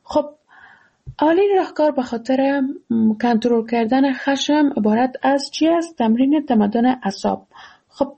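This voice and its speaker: A woman with an Afghan Dari accent gives a radio lesson in a fairly high, mellow voice. She speaks fondly to her students and answers her own questions. The broadcast sound is dull and lo-fi. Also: slightly rough. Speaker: teacher of an emotional health class.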